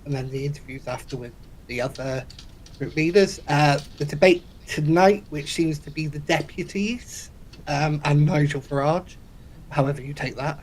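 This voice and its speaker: Laid-back male co-host, light higher voice, faint hum behind. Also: moderate pace, a little mellow. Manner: laid-back, laughs easily, trails off. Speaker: podcast co-host. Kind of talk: casual chat.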